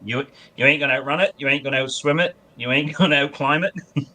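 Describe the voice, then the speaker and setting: A man's voice: mid-range voice, fast, sharp tone. A man telling casual, folksy outdoor stories in a blunt, rambling anecdotal way. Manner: folksy hunting-yarn telling.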